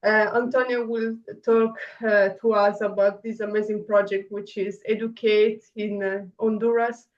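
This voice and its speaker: A woman's voice: mid-range voice, flat delivery, normal speed, few pauses, lo-fi sound. Hesitant woman interviewer on a distant echoey mic. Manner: hesitant, many "uh" fillers. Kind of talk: interview questions.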